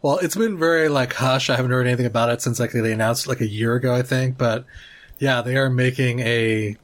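A man in a relaxed gaming chat with friends. He sounds offhand and hedges his statements with small fillers. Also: mid-range voice, a little fast. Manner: offhand, hedging with "like".

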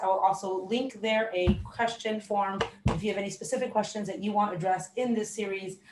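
A woman hosting a live online podcast, introducing the session in a friendly, halting way with many ums. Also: mid-range voice. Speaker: podcast host. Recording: roomy with faint noise.

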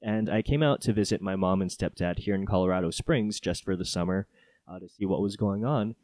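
A young man from Hawaii, a podcast guest, telling his story in a friendly, relaxed way. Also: low-pitched, brisk, dry recording. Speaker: podcast guest, co-host of his own show. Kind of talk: casual interview chat.

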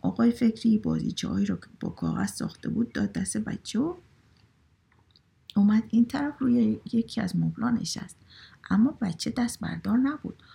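A woman storyteller with a husky voice, reading a short story aloud and acting out its characters. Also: medium pitch. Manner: lively, acting out every character.

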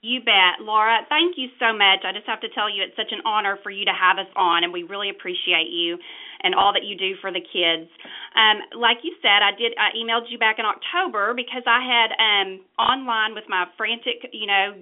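A woman, a mother taking part as a guest, talking warmly and chattily over a phone speaker. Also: medium pitch. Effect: heard over a phone speaker. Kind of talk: casual phone chat. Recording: narrow phone-line sound.

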